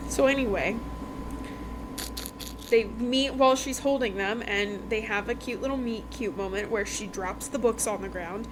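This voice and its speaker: A woman's slightly high voice moves at a moderate pace as she casually sums up a novel's plot for her book review podcast. She is chatty and conversational, briefly performing lines of dialogue. Noise is plainly present in the background.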